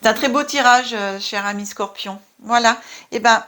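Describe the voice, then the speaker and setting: A woman's voice: on the high side, moderate pace, a little hiss or hum. A woman with a French accent giving a casual spiritual card reading, chatty and full of fillers. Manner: warm, chatty, many fillers and asides. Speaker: tarot card reader.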